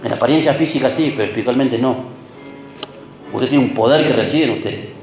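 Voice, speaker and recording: A man's voice: mid-range voice, brisk, echoey room, music in the background, low-quality recording. A man preaching a sermon. He keeps checking in with the congregation through short tag questions and repeats words for emphasis.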